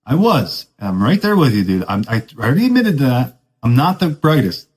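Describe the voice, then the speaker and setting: In a casual storytelling monologue, a podcast host spins a loose, rambling tale in relaxed surfer slang, constantly saying "dude." His pitch jumps high and low at a normal speed, and he pokes fun at himself and laughs often on a low-quality recording.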